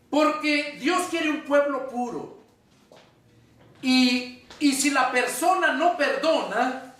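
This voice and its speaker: Man, pastor, sermon, deliberate scripture reading, very roomy sound, distant from mic. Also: extremely high pitch, a bit bright. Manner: preaching with rhetorical questions, reading scripture aloud; slow, deliberate delivery. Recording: echoey room, voice from off-mic.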